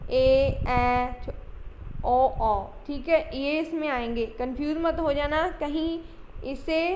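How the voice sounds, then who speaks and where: A woman teacher gives an online exam-prep lecture, repeating points and calling her students children. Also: sits high. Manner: repetitive, coaxing, addresses students as children. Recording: dull lo-fi audio with faint hiss.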